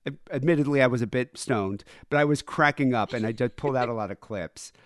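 A man's voice: medium pitch, fast talker, no room sound, clean studio sound. A man with a nasal voice hosting a casual, profane, rambling podcast conversation. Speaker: podcast host.

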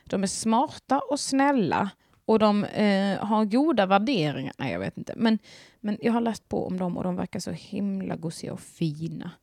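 A woman's voice: medium pitch, lively intonation, a little mellow, no echo, studio quality. A young woman, chatting casually as a podcast host, rambling and gushing with lots of fillers and restarts. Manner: giggly, gushing.

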